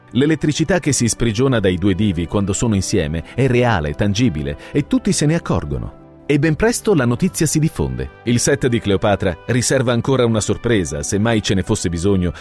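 A man's voice: on the low side, a little mellow. A man narrating a scripted radio story in a dramatic, storytelling way.

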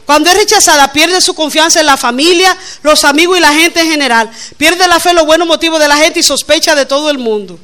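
A woman's voice: high voice, quick pace, hardly any pauses. A middle-aged woman, preaching a conversational sermon and telling personal stories with frequent laughter. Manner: animated, laughs often while telling stories. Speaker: preacher, pastor's wife.

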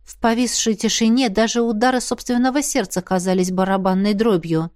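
A woman narrating a first-person fantasy audiobook in an expressive, breathless way. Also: mid-range voice, brisk, no echo, clean studio sound. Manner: expressive, breathless in tense moments.

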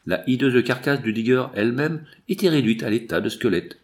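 Male audiobook reader, expressive, animated intonation. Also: mid-range voice, fairly quick. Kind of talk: scripted narration.

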